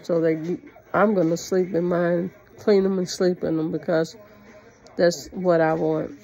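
A woman's voice: on the low side, dark tone, poor audio. A woman talking with new dentures in, chatting plainly in a casual video diary. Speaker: vlogger sharing a personal journey.

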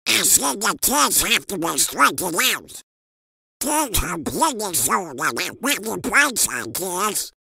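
A performer voicing an excitable, scheming male cartoon duck with a squawky duck voice in a comic dub. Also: mid-range voice, slow pace, creaky, breathy edge, full character voice. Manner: excitable, loudly exclaiming.

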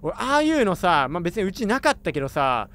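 A man doing chatty, excitable commentary while playing a horror game, reacting aloud with jumpy exclamations. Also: high voice, fairly quick, slight background noise. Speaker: gamer. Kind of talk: let's play commentary.

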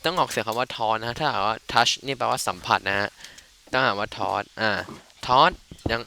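A man's voice: mid-range voice, quick pace, gravelly, bright, forceful tone, slight background noise. A man casually commenting on his game playthrough, joking and swearing as he goes. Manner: crude, joking, rambling. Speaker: gamer. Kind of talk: casual let's play commentary.

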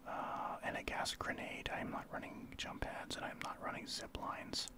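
A man from Saskatchewan, Canada, speaking in a soft breathy whisper as an ASMR streamer, explaining his gameplay in informal gamer talk. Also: moderate pace. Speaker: streamer, ASMR channel host.

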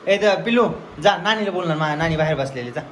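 A man's voice: a little high, animated, fast, a bit bright, echoey room. A man filming a casual family vlog at home, teasing his wife and cooing at a baby. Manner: playful, teasing, baby talk to a child. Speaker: family vlogger. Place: home, indoors. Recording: noisy home recording.

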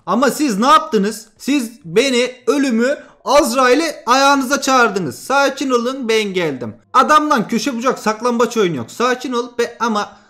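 A young man hosting a mobile shooter channel, giving excitable, trash-talking live commentary that swings between loud outbursts and muttering. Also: extremely high pitch, measured pace, hardly any pauses. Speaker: gaming channel host.

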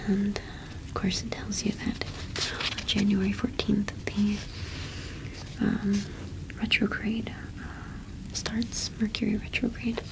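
Playing a cottage witch shopkeeper, a young adult woman keeps her mid-range voice to a soft, breathy whisper close to the microphone. The ASMR roleplay is gentle and halting, the delivery flat, and the audio poor.

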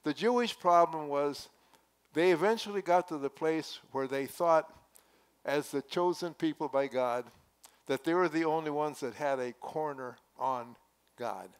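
A man's voice: a little high, measured pace, smooth. An older man preaching a sermon in a church sanctuary, speaking earnestly and conversationally with emphatic rises, through a headset mic. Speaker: pastor. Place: church sanctuary at a wooden pulpit.

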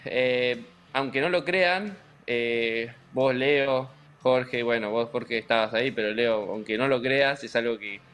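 A man with an Argentine accent, a racing driver being interviewed, talking in a relaxed, joking way with many fillers and restarts. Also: mid-range voice, a little slow, few pauses, smooth. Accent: Argentine Spanish. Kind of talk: casual interview chat.

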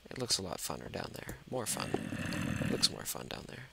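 Gravelly low-voiced man, mouse clicks loud. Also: big pitch swings, a little fast, heavy background noise. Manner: drops to a whisper when scared; talks to himself and the monsters. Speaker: let's play host. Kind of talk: gameplay commentary.

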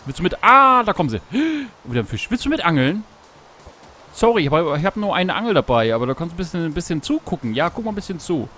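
A man casually commenting on his gameplay while fishing, talking to himself, greeting animals in the game, and yelping excitedly at each catch. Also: on the high side, fast talker, slight background noise. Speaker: Let's Play host. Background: background game music.

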